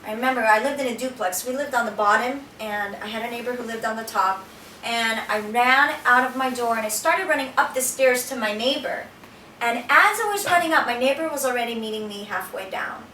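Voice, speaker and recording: A woman's voice: fairly high pitch, brisk, bright, forceful tone, a little hiss or hum. A woman giving a personal testimony talk in a small shelter, telling her story earnestly and often restarting her sentences. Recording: echoey room from a distance.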